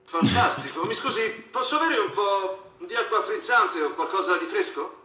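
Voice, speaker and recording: A man's voice: high-pitched, animated, normal speed, sharp tone. An actor playing a polite, eager man in a dubbed Italian TV drama. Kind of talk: Italian TV series dubbing. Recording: echoey TV playback.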